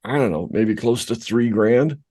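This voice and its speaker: A man's voice: medium pitch, normal speed, mellow, breathy edge. A middle-aged man co-hosting a podcast, telling a rambling, self-deprecating story in casual chat. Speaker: podcast co-host.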